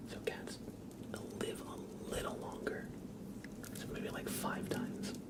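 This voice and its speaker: A man hosts a casual ASMR livestream, chatting in a gentle, unhurried, breathy whisper and softly repeating phrases. His whisper has creaky edges.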